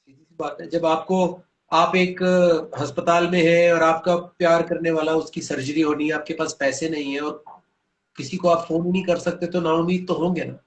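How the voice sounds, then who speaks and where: A man with a slightly high, level voice, recorded with roomy sound, explains Quranic teaching as a guest speaker on religion. He's earnest and patient, weaving in short Arabic verse recitations.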